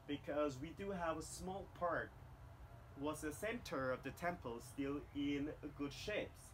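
Among jungle temple ruins, a Cambodian man in his thirties guides the camera through a temple, speaking careful English as a second language after his native Khmer. His voice is on the high side, and the rough recording carries slight background noise.

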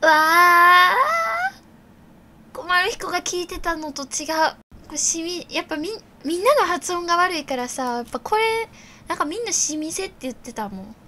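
A high-pitched woman with a Kansai accent who streams games and reads quiz questions aloud in a casual, excitable way. She mutters her guesses and then shouts out her answers. Keyboard clicks come through clearly in the background of her desk mic. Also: normal speed, a little hiss or hum. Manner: excitable, thinks aloud, bursts into loud reactions. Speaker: game streamer. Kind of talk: casual live quiz commentary.

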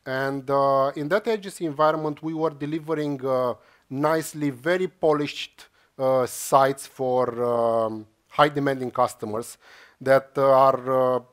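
With a mid-range voice, a steady tone and a measured pace, a man from Romania gives a conference talk on a large lecture hall stage. He explains to the crowd with plenty of "uh" fillers and restarts.

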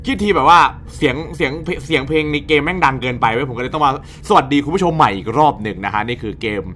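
With a medium-pitched voice that sounds pushed and bright, a young man provides casual commentary on a horror game for his YouTube channel. He curses often and reacts to scares by shrieking and laughing.

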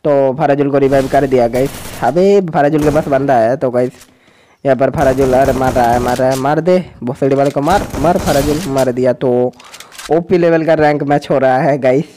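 A man, a gaming YouTuber, giving excited, crude-slang commentary as he cheers on his teammates during a match. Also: mid-range voice, moderate pace, a little hiss or hum. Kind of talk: excited live gameplay commentary.

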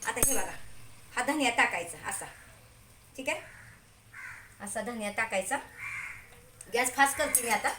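Home cook host, Marathi-accented woman, high voice, echoey kitchen, sizzling pan behind. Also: measured pace, long pauses. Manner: chatty, keeps asking "okay?" and telling viewers to look. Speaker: home cooking channel host. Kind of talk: casual cooking demonstration. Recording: echoey kitchen with cooking noise. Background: sizzling pan and clattering pots.

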